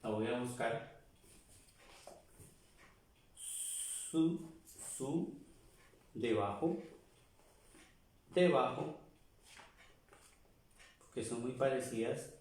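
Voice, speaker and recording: A man giving a slow language lesson, repeating words over and over and stopping to look things up in a dictionary. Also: medium pitch, darkish tone. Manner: repeats words slowly, pauses and searches a dictionary. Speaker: French teacher. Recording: echoey room, far from the mic.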